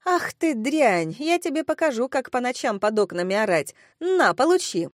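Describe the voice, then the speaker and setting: A woman voicing a spiteful middle-aged townswoman who scolds and shouts from her window, shrill and harsh. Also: big pitch swings, normal speed, dry recording, clean studio sound. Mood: furious.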